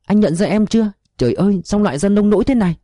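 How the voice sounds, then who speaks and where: Brief: narrator playing a worried, caring woman, voice pushed high, anxious and pleading, animated intonation. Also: quick pace, dry recording, studio quality. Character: anxious caring woman, middle-aged, fretful.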